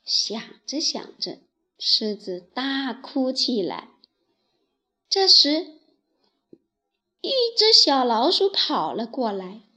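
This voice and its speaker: Sing-song woman telling a children's story. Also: high-pitched. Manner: slow, sing-song, expressive. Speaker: teacher telling a bedtime story.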